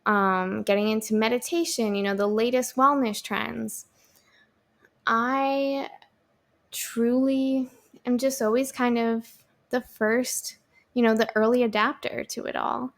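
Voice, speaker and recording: A woman in her thirties hosts a solo podcast in a relaxed, rambling chat. She talks slowly and fills pauses as she goes. Her voice has a gravelly fry. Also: fairly high pitch. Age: 30s. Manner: chatty, lots of fillers and restarts, upbeat. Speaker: podcast host.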